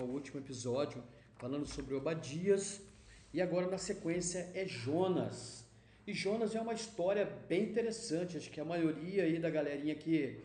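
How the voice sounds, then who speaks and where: A man's voice: fairly high pitch, dark tone, echoey room. A man with a Brazilian Portuguese accent hosting a church podcast, explaining a Bible story in a casual, conversational way with fillers and restarts. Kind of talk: casual Bible teaching talk.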